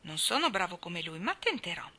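A woman reading aloud, voicing a small, gentle, serious boy who speaks eagerly. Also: lowish voice, big pitch swings, fairly quick, full character voice.

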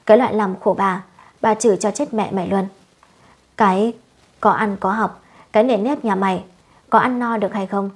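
A woman doing a furious, shrill village wife. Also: fairly even intonation, normal speed, long pauses, husky. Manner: shrill scolding, cursing. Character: furious young village wife, sharp-tongued.

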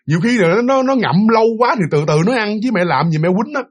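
A man's voice: high voice, expressive, fast, voice pushed up. A man voicing an upset young mother, pleading and complaining. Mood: reproachful. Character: upset young mother reproaching her own mother.

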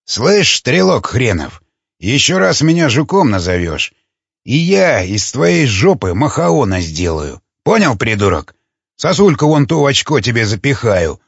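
A man's voice: mid-range voice, very animated, a little slow, gravelly, husky, no echo, heavily acted. A man voicing a foul-mouthed touchy survivor. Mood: grumbling. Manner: crude, threatening. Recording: dull lo-fi recording.

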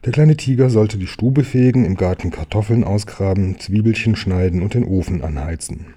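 A man calmly reading a children's story aloud. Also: fairly low pitch, normal speed, breathy edge. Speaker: storybook reader.

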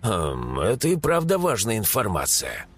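A man voicing a brash, impatient young male mage with mocking, quick retorts. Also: fairly low pitch, huge pitch swings, a bit bright, soft background music, voice pushed down, full character voice. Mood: serious. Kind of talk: audiobook character voice.

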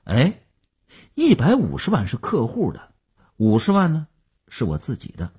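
A man's voice: mid-range voice, huge pitch swings, measured pace, darkish tone, husky, full character voice. A man reading a radio novel aloud, voicing a boastful, self-satisfied male stock speculator who chuckles and coaxes. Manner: bragging, chuckling, coaxing.

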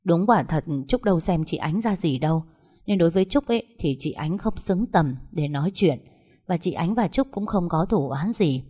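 A woman narrating a first-person family drama story in a steady telling voice. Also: lowish voice, moderate pace, breathy edge.

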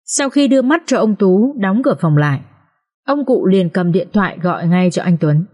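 Female audiobook narrator, mid-pitched, expressive dramatic read. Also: moderate pace. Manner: expressive, emotional reading.

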